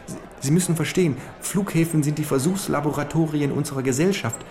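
A man voicing a small, fat, fawning male food executive who talks in a high falsetto and stammers, repeating his words. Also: quick pace, darkish tone, lightly acted. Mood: eager, flustered.

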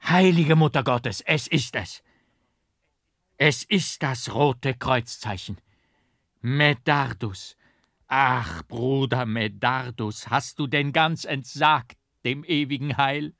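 A man's voice: on the low side, sing-song, drawn-out words, pauses often, no echo, full character voice. A man voicing an old, devout monk who cries out tearfully and pleads, in a dry, close recording. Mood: pleading.

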